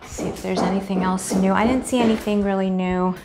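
A woman's voice: medium pitch, brisk. A young woman casually narrating a walkthrough of her home under renovation, filmed on a handheld phone with construction noise behind. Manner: chatty, relaxed narration while walking. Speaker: homeowner vlogger. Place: townhouse under construction, indoors. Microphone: handheld phone camera.

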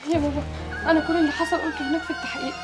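A woman's voice: high-pitched, level tone, racing, natural voice. A young actress with an Egyptian accent playing a remorseful daughter who pleads with her father. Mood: pleading. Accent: Egyptian Arabic. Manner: pleading, tearful. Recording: loud music under.

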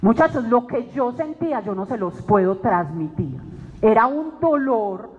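A woman's voice: on the high side, animated, a little slow, faint music behind. Woman giving a dramatic testimony. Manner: dramatic storytelling, acting out her own past words. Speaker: speaker at a weekly faith meeting. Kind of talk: emotional testimony sermon. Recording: dull recording in a reverberant hall.

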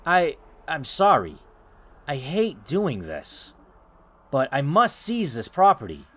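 A man's voice: on the high side, huge pitch swings, takes it slowly, heavily acted. A man playing a brooding, guilty debt collector. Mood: remorseful. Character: guilt-ridden male debt collector, grave.

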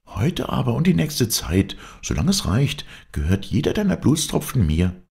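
A man's voice: mid-range voice, wildly swooping pitch, normal speed, vocal fry, darkish tone, voice pushed up. A man voicing a spirited young woman circus rider in an audiobook, talking in an urgent, playful rush. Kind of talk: audiobook character voice.

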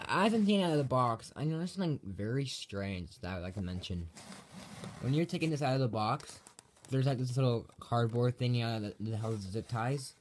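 A man's voice: medium pitch, darkish tone. A man giving a casual, unscripted product review as an online reviewer, rambling and repeating and correcting himself as he goes. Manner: rambling and repetitive, with self-corrections. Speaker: reviewer of Halloween props on his own channel. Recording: amateur home video with background noise.

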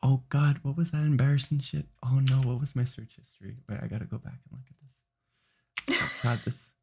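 A man's voice: mid-range voice, steady tone, moderate pace, vocal fry, a little mellow, slightly rough. A sleepy man streaming late at night, rambling and restarting his sentences as he chats. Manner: rambling, self-interrupting, tired.

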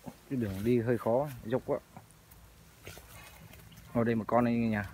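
A man's voice: medium pitch, steady tone, normal speed, darkish tone. A man chatting to his viewers while fishing for frogs outdoors in the fields. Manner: chatty, addresses viewers as family. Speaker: vlogger. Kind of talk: casual outdoor narration. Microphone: handheld phone or body camera. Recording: noisy outdoor field recording.

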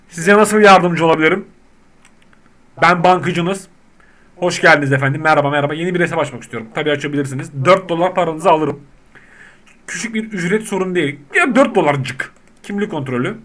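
A man with a high voice talks through a game in casual commentary. He reads the on-screen text aloud and keeps yelling and swearing at the characters when they misbehave. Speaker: gaming YouTuber.

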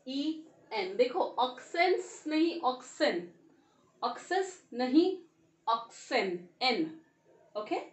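Lively high-voiced Indian woman teaching. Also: reverberant, far from the mic. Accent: Indian English. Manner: mixes Hindi and English, spells words letter by letter, asks quiz questions. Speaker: English teacher. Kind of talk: grammar lesson.

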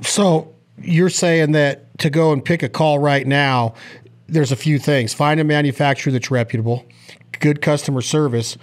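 A man's voice: fairly high pitch, steady tone, moderate pace. A middle-aged man hosting a podcast, casually putting interview questions into a close microphone. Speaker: podcast host. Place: small indoor room, on video call. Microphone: close podcast microphone on boom arm, headset.

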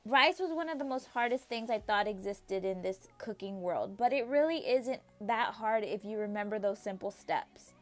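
Soft music plays as a home cook and channel host guides her viewers through a cooking tutorial. Her mid-range voice has lively intonation, and she keeps a moderate pace with few pauses, repeating her friendly instructions straight to the audience.

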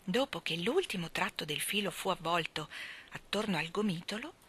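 A woman narrating a children's story as an expressive reader, dropping to a hush in quiet passages. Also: fairly low pitch, moderate pace, a little hiss or hum. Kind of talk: audiobook reading.

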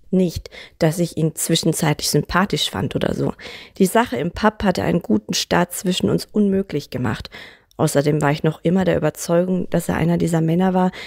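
Gravelly woman reading a story. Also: fairly low pitch, a little mellow, no room sound, clean studio sound. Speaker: reader of a contributed story. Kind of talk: scripted first-person narration.

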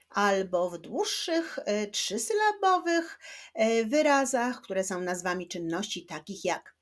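Lady teacher doing a kids reading lesson, super slow, clapping out syllables, voice goes up and down a lot. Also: mid-range voice.

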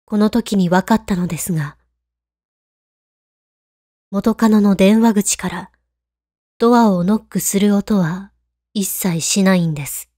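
Hushed, mellow woman telling ghost stories. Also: mid-range voice, unhurried, pauses often, no echo, clean studio sound. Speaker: ghost story narrator. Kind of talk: scripted horror story narration.

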